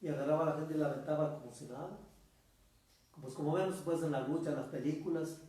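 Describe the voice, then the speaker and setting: A man's voice: on the high side, quick pace, mellow. A man preaching a sermon as a priest, telling a story and calling his listeners brothers. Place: church. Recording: echoey church from far off.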